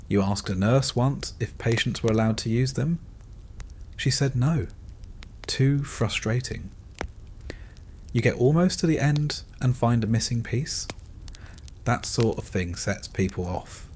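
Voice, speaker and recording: A man narrating a scripted bedtime story in a calm, dryly wry second-person voice. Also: fairly low pitch, a little hiss or hum.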